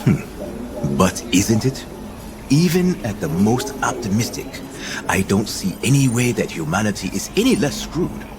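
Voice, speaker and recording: A male actor plays a cynical, world-weary visionary leader in a science fiction audio drama, sounding theatrical, dismissive and sardonic. His fairly low voice is sing-song and a little slow, with a crowd in the background.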